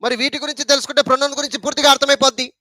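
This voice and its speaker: High-voiced man teaching English grammar. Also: little pitch movement, very fast, pushed and bright, dry recording. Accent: Telugu. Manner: repetitive, emphatic teaching with rhetorical questions. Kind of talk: spoken English lesson in Telugu.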